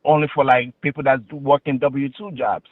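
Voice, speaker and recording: A man with a Queens New York accent calling in to argue politics casually, halting and repeating himself with slangy filler phrases. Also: mid-range voice, little pitch movement, no echo. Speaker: caller. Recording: tinny phone-like call audio.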